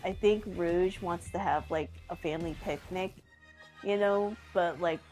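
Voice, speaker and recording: Rambling, giggly woman on a livestream, slightly low voice, soft music underneath. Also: measured pace. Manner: rambling, giggly, many likes and fillers. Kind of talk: casual chat.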